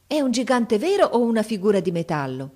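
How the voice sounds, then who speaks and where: A woman reading the lines of a calm, courageous young prince in a storybook, earnest and steady. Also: mid-range voice, a little fast, pitched above the performer's own voice. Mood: curious.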